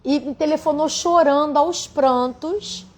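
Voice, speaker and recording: A spiritual teacher with a Brazilian Portuguese accent tells a story to an audience, speaking earnestly and directly to her listeners. Her voice sits high and she takes her time.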